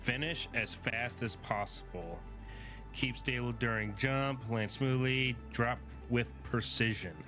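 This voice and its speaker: Game music plays as a sleepy young streamer, yawning now and then, talks his way through his game in a casual, filler-laden stream of thought. He speaks slowly in a medium-pitched voice.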